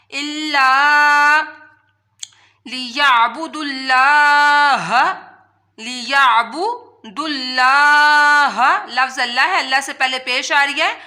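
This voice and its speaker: High bright woman teaching recitation. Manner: spells letters and vowels, then chants each word slowly and drawn out; quick explanations between slow recited words. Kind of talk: tajweed lesson, word by word.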